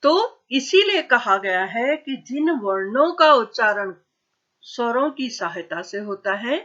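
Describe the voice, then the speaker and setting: Slow, patient woman teacher. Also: on the high side, very animated, fairly bright tone, highs cut off. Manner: slow, patient, asks questions and answers them herself. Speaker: school teacher. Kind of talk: classroom grammar lesson.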